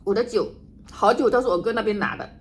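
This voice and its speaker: A woman chatting casually to camera while she eats and drinks, musing in an unhurried way with murmured asides. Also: medium pitch. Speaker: vlogger doing an eating and drinking livestream. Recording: noticeable background noise, home ambience.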